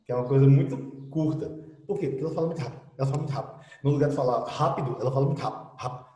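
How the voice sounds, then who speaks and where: A man's voice: medium pitch, racing. A man teaching an English class in casual Portuguese, acting out slang greetings and imitating how people talk. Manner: lively, acts out slang phrases and imitates people. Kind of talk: online class lesson. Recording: echoey room with long reverb.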